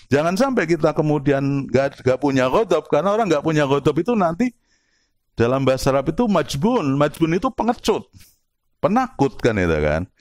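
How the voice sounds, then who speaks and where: A middle-aged man giving a lively religious philosophy lesson, explaining with rhetorical questions and examples and slipping in Arabic and words. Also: mid-range voice, no room sound, clean studio sound. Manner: mixes in Arabic and Javanese words. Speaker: Islamic philosophy teacher. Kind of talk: lively religious study lecture.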